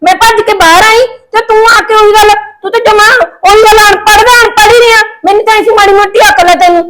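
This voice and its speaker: A woman's voice: very high voice, steady tone, quick pace, a loud crowd. A young woman playing a daughter-in-law who scolds her husband with indignant retorts. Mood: indignant, scolding. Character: sharp-tongued young wife defending herself.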